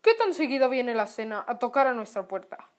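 A woman's voice: a little high, sing-song, brisk, lo-fi sound. A woman voicing a hungry, greedy male fox in a storybook reading, smug and gloating.

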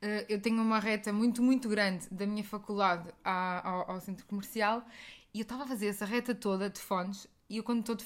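A young woman from Portugal with a European Portuguese accent, co-hosting a podcast with quick, joking casual chat. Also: medium pitch, fairly bright tone. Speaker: podcast co-host.

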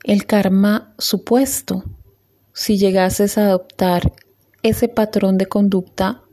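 A woman leading a guided meditation in a soft, calm voice with long pauses. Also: mid-range voice.

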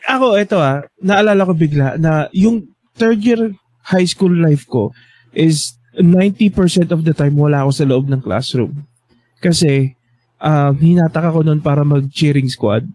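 A man's voice: a little high, a little slow, mellow, no room sound. A man, telling school stories in a casual chat and animatedly voicing the people he quotes.

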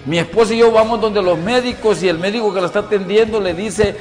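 A middle-aged man giving a personal testimony at a men's church event, swinging from loud outbursts to hushed confession. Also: high-pitched, fast, faint music behind.

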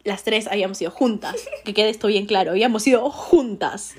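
A woman's voice: medium pitch, a little fast, husky. Laughing young Peruvian woman telling a story. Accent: Peruvian Spanish. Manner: laughs often, animated storytelling. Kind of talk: casual storytelling chat.

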